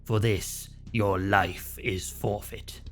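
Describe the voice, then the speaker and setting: Man putting on a slow, possessed demonic judge. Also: on the low side, steady tone, fairly bright tone, voice pushed down. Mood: solemn, condemning. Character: stern demonic judge pronouncing doom in fire and blood. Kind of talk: dramatic video game role-play. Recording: music behind the voice.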